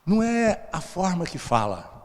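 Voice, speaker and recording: A Brazilian man preaches from the pulpit with a fairly high voice. He tells his story as if chatting and keeps asking the congregation questions, and a long reverb from the church hall trails each phrase. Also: very animated, measured pace. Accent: Brazilian Portuguese. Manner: conversational, asks the audience questions often. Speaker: pastor. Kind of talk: storytelling sermon. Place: church service.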